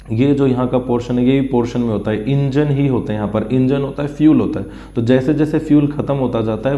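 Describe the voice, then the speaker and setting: This medium-pitched man is an English teacher walking exam students through an English news text, explaining it in Hindi. He switches between Hindi and English, drills pronunciation by repeating words, and sketches while he explains. The audio is roomy, echoey, and dull lo-fi.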